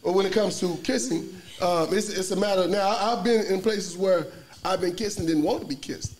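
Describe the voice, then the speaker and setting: A man's voice: sits high, brisk, over a noisy crowd. A man, chatting casually in a group talk and telling a story animatedly while acting out what people said. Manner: animated storyteller, acts out quotes. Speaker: podcast co-host.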